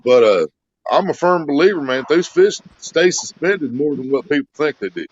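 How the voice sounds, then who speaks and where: A man's voice: a little high, expressive, moderate pace. Confident man on lo-fi call audio. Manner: confident, explaining. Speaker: stream guest. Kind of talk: casual fishing chat.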